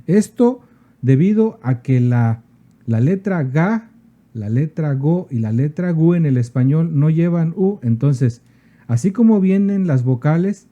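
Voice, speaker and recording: A man's voice: a little high, lively intonation, a little slow, lo-fi sound. A man giving a patient spoken lesson on the spelling and tones of his native language, walking through many word examples. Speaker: teacher of a native language's alphabet.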